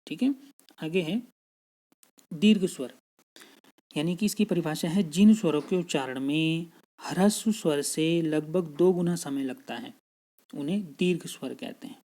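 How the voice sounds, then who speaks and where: A man teaching a grammar lesson in a patient, steady way, going over each point more than once. His voice is dark and mellow. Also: on the high side, measured pace, long pauses. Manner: patient, repeats points, frequent "theek hai" check-ins.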